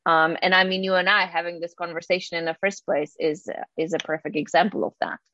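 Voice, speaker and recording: A woman from the Czech Republic, a guest life coach in a casual podcast conversation, talking with many pauses and restarts. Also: on the low side, little pitch movement, pushed and bright, dry recording, dull audio. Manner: hesitant, lots of ums and restarts.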